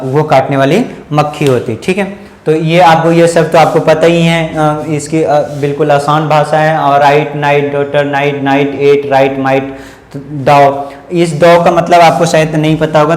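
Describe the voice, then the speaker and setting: A man teaching with an Indian accent. He spells out letters slowly and repeats words, asking questions and answering them himself. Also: on the high side, reverberant. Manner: slow and repetitive, spells out letters, asks and answers his own questions. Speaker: English teacher. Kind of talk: Hindi classroom-style lesson on English pronunciation.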